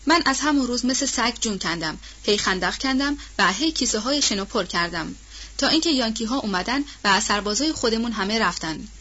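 A woman voicing a burly, loyal male farmhand with a heavy, husky voice and rustic, colloquial speech in an audiobook. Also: a little high, animated, bright, forceful tone, full character voice. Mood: warm. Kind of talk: audiobook character reading. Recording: dull lo-fi audio.

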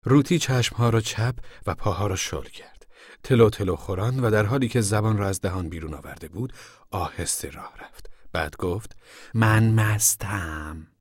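A man narrating a novel aloud in a steady, hushed storytelling manner. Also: on the low side, husky, no room sound, clean studio sound. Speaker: audiobook narrator. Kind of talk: scripted narration.

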